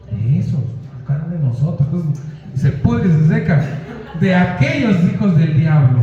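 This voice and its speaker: A man preaching a sermon as a pastor, talking straight to his listeners. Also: on the high side. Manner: conversational preaching, addressing listeners directly. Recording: echoey hall, dull lo-fi sound.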